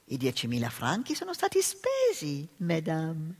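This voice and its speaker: A woman reading aloud gives voice to a weary, dignified exiled cook in a storybook reading, speaking quietly and gravely. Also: sits low, huge pitch swings, measured pace, heavily acted. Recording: reverberant live hall reading.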